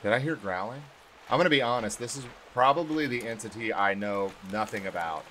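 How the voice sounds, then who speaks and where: A low-voiced man talks through a horror game, swearing constantly and trash-talking the monsters. His commentary is jumpy and crude, swinging between nervous muttering and loud taunts. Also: brisk, slight background noise. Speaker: gaming YouTuber.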